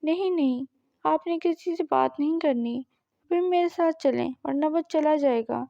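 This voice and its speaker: An innocent, mischievous young wife who pleads and sulks like a child, voiced by a woman reading a story. The voice is high with a gravelly edge. It comes through a slightly dull, lo-fi recording. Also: mellow, dry recording. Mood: petulant. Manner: pleading, petulant and teasing.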